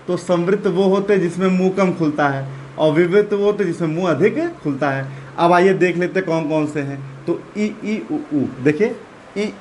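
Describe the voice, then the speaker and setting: A man's voice: a little high, a little hiss or hum. A man teaching an exam-prep grammar lesson, drilling letters aloud and urging students to take notes.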